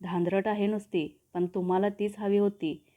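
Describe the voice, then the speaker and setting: A woman's voice: medium pitch, flat delivery, moderate pace, lightly acted. A fretful middle-aged mother who nags and teases her family, read out by a woman storyteller. The sound is thin and boxy, like a phone line. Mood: grumbling. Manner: nagging, teasing.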